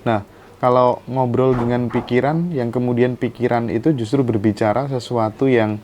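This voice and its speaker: A man's voice: mid-range voice, fairly even intonation, moderate pace, darkish tone, slight background noise. A male host interviewing a guest, attentive and agreeing often. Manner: attentive, frequent short agreements.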